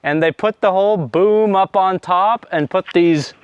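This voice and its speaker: A man's voice: sits high, unhurried, clean tone, no echo, lo-fi sound. Chatty out-of-breath young man vlogging outdoors. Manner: chatty, rambling with fillers and trailing asides. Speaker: homestead vlogger. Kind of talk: casual vlog talk to camera. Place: outdoors in a snowy yard. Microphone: action camera.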